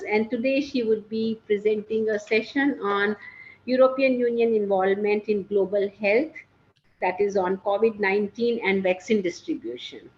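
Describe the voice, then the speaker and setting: A woman host giving a formal introduction of a guest speaker, reading from prepared notes. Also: fairly high pitch. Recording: dull, muffled sound.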